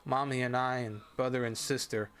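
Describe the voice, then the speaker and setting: A man voicing a calm male wanderer who speaks softly and evenly. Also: medium pitch, close to an everyday voice. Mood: gentle, tender. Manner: soft, quiet and measured. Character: calm immortal male wanderer, gentle and quiet.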